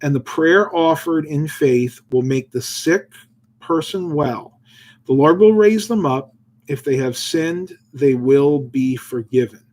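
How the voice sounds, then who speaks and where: A man with a fairly high, slightly mellow voice hosts a casual devotional livestream at a slow pace. He reads Bible verses aloud, muses loosely about them with fillers, and answers viewers' questions.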